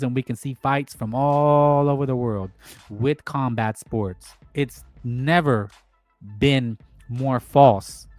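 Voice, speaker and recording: A man's voice: medium pitch, no echo. A man hosting a boxing talk show, giving his opinions in a rambling, emphatic way and often repeating himself. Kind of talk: casual opinion monologue.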